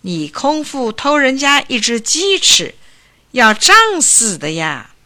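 A calm, wise old doctor, as a woman storyteller voices him, giving patient advice in an unhurried way. His speech is gentle and slow, with a bright tone and a lively lift in the pitch. The voice sits in a storybook reading. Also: exaggerated voice. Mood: warning.

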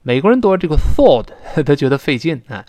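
A man teaching English pronunciation, explaining sounds step by step to listeners and drawing out example words slowly. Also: on the high side, big pitch swings, dark tone, no room sound.

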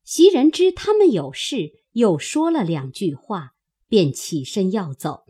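A woman narrating a classic novel as an audiobook, in measured storytelling. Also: on the low side, wildly swooping pitch, warm tone, husky.

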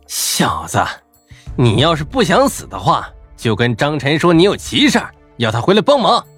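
A man voicing a cold, menacing male gang boss in an audio novel, curt and threatening with a husky voice. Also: a little high, wildly swooping pitch, moderate pace, a bit bright, soft background music, voice pushed up, full character voice.

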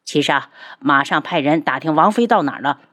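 A woman's voice: sits low, lively intonation, brisk, pushed and bright, voice pushed down, exaggerated voice. A woman voicing a cold, proud young prince in an audiobook, speaking sternly.

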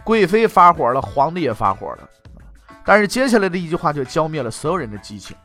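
A man's voice: a little high, very animated, fast, bright, forceful tone, soft background music. A man telling history in traditional comic storytelling style, with wry, mocking asides.

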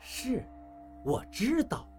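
A woman voicing a sly, cold woman in an audiobook story, speaking low, hushed and contemptuous. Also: wildly swooping pitch, slow pace, breathy edge, soft background music, exaggerated voice. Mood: cold, scornful.

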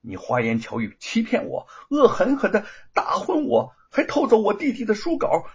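A man's voice: on the low side, wildly swooping pitch, normal speed, fairly bright tone, husky, lo-fi sound, voice pushed down, heavily acted. A man voicing an angry, righteous elder sister in a told story, accusing and stuttering with rage. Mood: furious. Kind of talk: storybook character voice.

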